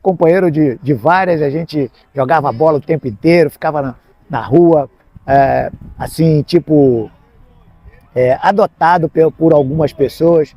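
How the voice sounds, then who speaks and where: A man's voice: a little high, measured pace, warm tone, no echo. A man, a capoeira master, casually telling childhood stories and acting out quoted lines. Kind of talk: casual storytelling.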